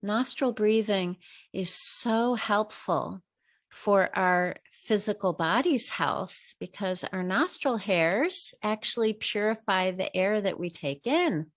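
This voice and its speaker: With an animated, mid-range voice, a middle-aged woman delivers slow, soft cues for breathing and relaxation as she leads a meditation session.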